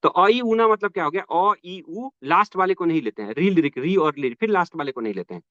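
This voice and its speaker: Brief: male tutor, fairly high voice, dry muffled online-class sound, quizzes then answers himself. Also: lively intonation, fast talker, fairly bright tone, no echo. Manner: asks rhetorical questions then answers them; frequent "ठीक है" check-ins. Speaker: teacher. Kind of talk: exam-prep grammar lesson.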